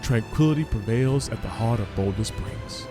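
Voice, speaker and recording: A man performing as a formal, measured nature documentary narrator. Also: mid-range voice, lightly acted. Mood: stately, serene. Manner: measured, formal, descriptive delivery. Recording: loud music bed under voice. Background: music.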